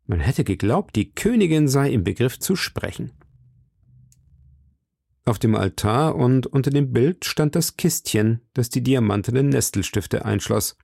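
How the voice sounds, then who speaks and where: A man narrating a classic novel as an audiobook in a measured, steady way. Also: mid-range voice, gravelly, no echo, clean studio sound. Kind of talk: reading a classic novel aloud.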